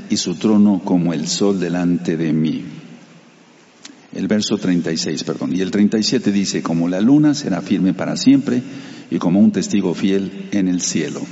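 A man's voice: sits low, mellow, long reverb tail, lo-fi sound. A man preaching a sermon, reading scripture aloud and explaining it to the congregation, using Hebrew terms for sacred names. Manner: reads scripture then explains it, addressing the congregation.

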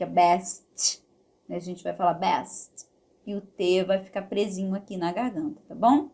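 A woman with a Brazilian accent teaching English pronunciation. She explains each point in Portuguese and then sings the lines of a song slowly. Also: medium pitch, darkish tone. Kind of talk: song-based pronunciation lesson.

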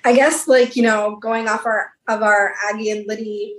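A young woman with a slightly high voice, talking gently and reassuringly on a casual podcast. Her speech is loose and full of filler words. The recording has an echoey room sound. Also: steady tone, moderate pace. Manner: reassuring, lots of "like". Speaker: podcast co-host. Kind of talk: casual supportive chat.

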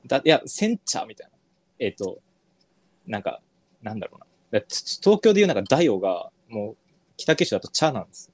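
Lively chatty man from northern Kyushu. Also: fairly low pitch, fast. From northern Kyushu, Japan. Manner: relaxed, chatty, often trails off and restarts. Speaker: podcast co-host. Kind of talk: casual chat.

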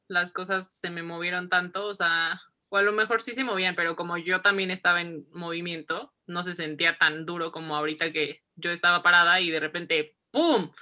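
A woman's voice: on the low side, bright, forceful tone. A woman, reflecting in a casual interview, who repeats herself and laughs often. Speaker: interview guest.

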